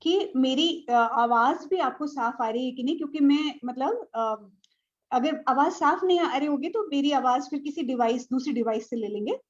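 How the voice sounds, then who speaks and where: Woman teacher, high voice, patient step-by-step explainer, muffled online-class audio. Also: moderate pace. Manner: explains step by step with a globe, checking with ठीक है. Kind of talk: live online astronomy lesson. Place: indoor room with a board and a tablet.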